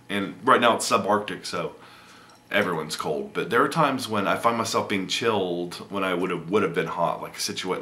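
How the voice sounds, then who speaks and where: A man's voice: sits low, pushed and bright. A man, giving a casual, rambling video update with lots of ums and restarts. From Indiana, USA. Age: 30s. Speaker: vlogger.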